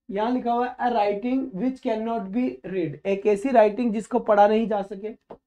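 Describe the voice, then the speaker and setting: A male teacher runs a live online vocabulary lesson, firing questions and answering them himself in a steady drilling rhythm. His voice has a mellow, soft-edged warmth. The stream audio sounds dull and lo-fi, with the highs rolled off. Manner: calls students "beta", friendly and instructive.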